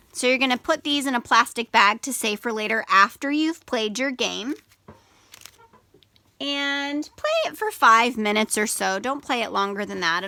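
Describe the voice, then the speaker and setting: Bright, higher-pitched woman teaching young children. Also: gravelly. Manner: simple, deliberate phrasing with stressed example words and sounds. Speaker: elementary school teacher. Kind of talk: instructional lesson for young children, demonstrating step by step. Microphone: video camera.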